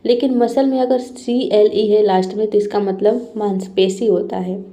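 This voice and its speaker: Woman teacher with a warm, mellow voice, walking learners patiently through word pairs and spelling each one. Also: mid-range voice, fairly even intonation, normal speed. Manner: spells words out letter by letter; checks in with frequent "okay". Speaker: English teacher. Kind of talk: explaining vocabulary lesson.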